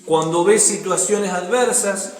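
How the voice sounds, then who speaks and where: A man's voice: high voice, measured pace. Argentine man teaching scripture, echoey hall. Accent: Argentine Spanish. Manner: reads scripture aloud, then explains it conversationally. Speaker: pastor leading a Bible study. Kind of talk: Bible study teaching. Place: church hall. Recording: echoey hall, reverberant room.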